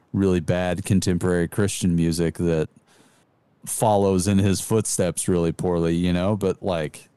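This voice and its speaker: A man co-hosting a laid-back music podcast, with a very low, dark, mellow voice recorded dry and close. He jokes at his own expense and lights up when the talk turns to guitar playing. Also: clear, resonant tone, no echo. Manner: jokey and self-deprecating, enthusiastic about guitar. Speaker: podcast co-host. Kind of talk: casual music podcast chat.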